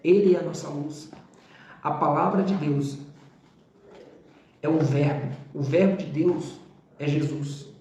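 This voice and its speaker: A man with a somewhat high voice gives a theology lesson, speaking directly to his students and repeating key words slowly so they sink in. The recording carries a noticeable room echo, with a faint hiss of ambient noise underneath. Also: a little mellow. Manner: didactic, talks straight to the student with "tá?" and "ó"; drawn-out repetition of key terms. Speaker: theology teacher.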